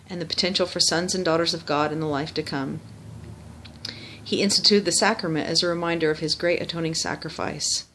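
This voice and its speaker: A medium-pitched voice recites a religious text by rote. The delivery is that of formal memorized recitation. Now and then a word slips and gets corrected. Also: fairly bright tone, slight background noise. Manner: formal recitation with small stumbles and self-corrections.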